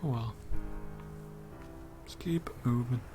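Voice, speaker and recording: A man's voice: mid-range voice, takes it slowly, dark tone, soft background music. A man with a Southern US accent giving casual let's-play commentary, jumpy and nervous and swearing a lot. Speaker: gameplay commentator.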